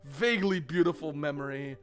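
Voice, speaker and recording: A man streaming a game, chatting excitably and laughing, with tangled rambling asides. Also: a little high, a little fast. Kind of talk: casual gameplay chat. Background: game music.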